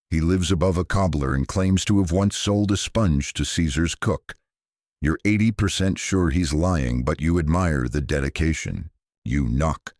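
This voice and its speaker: A man with a very low, deep voice reads a calm scripted sleep story in a soft-spoken, unhurried way with a gently wry touch. The sound is close and dry, with no room around it. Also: dry recording.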